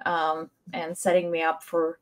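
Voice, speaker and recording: A woman's voice: low voice, completely flat delivery, unhurried. A woman, telling her own story conversationally as an interview guest on a video call. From Austria. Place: indoor room, video call. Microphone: wireless earbuds on video call.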